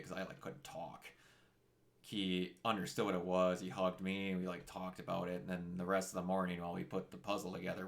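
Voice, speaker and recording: A young man talking casually on a game stream, halting with many restarts. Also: deep voice, creaky, fairly bright tone.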